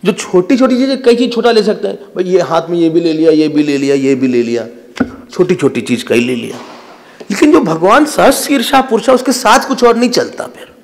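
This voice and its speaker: A man giving a scripture discourse as a swami, animated and teaching with laughs and quoted voices. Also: high voice, a little fast, creaky, long reverb tail. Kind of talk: sermon.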